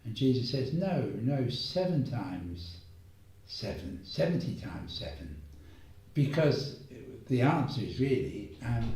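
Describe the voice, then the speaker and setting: A man telling a moral story as a gentle, unhurried homily, pausing often. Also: medium pitch. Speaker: preacher. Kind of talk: reflective spoken homily. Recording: echoey room, voice far from mic.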